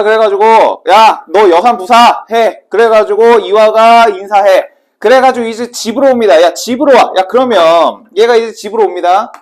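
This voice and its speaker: A male Korean literature teacher giving a casual exam prep lecture, quizzing his students and then answering his own questions. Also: high voice. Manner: brisk and casual, asking students questions and answering them himself.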